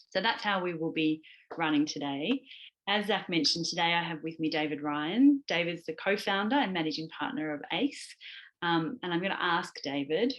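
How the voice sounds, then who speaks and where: An Australian woman with a fairly low voice talks through a webinar from her home, chatty and relaxed, stumbling and restarting now and then. Her voice comes through a video call with slightly dull, muffled sound. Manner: chatty, frequent fillers and restarts. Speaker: webinar presenter, leadership specialist. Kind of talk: casual presentation on video call. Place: home mid-move, indoors.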